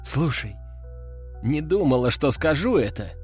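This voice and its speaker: A man's voice: fairly high pitch, very animated, a little slow, husky, faint music behind, heavily acted. Man reading a weary, stern mother. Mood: reproachful. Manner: reproachful. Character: worried middle-aged mother, stern and weary.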